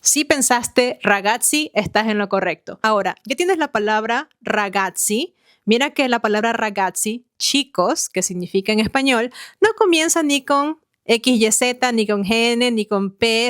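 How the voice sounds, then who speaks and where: A woman with a slightly high voice teaching an online language lesson. She explains slowly and carefully and keeps asking the learner questions. The recording is dry and close, with no room sound. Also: fairly bright tone, no echo.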